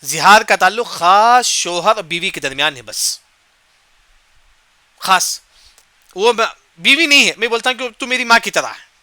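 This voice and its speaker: High, bright-voiced man teaching Quran commentary. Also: animated, pauses often, dry recording. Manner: asks and answers his own questions, repeats key points; recites short Arabic verse phrases then glosses them.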